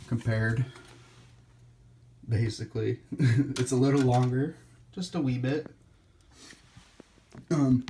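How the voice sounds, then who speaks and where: Slow-talking tired young man rambling. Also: mid-range voice, darkish tone, slight background noise. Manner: rambling, swears often, self-deprecating. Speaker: PC hobbyist vlogger. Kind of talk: casual off-the-cuff show-and-tell.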